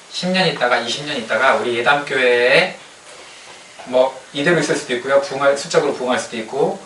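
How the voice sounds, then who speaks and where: A man's voice: medium pitch, sharp tone. Guy pastor giving a chatty sermon, keeps asking the room "right?", cracks little jokes, sounds roomy and kinda far off. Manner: joking asides. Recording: echoey room, distant mic, faint noise.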